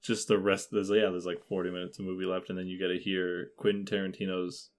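A man's voice: low-pitched, flat delivery, fast talker. A man chatting casually about a film on a podcast, rambling with many fillers and frequent laughter.

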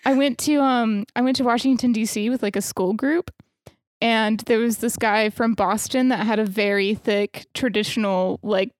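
A young woman from West Texas with a softened West Texas accent, telling stories in a casual podcast chat. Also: a little high, fairly even intonation, normal speed, no room sound, studio quality. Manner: chatty storyteller who keeps her drawl in check. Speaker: podcast co-host.

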